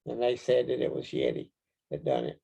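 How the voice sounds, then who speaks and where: A man with a Kentucky accent answering interview questions casually, in a folksy, halting storytelling way. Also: medium pitch, big pitch swings, vocal fry, dark tone, husky. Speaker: interview guest, Bigfoot researcher.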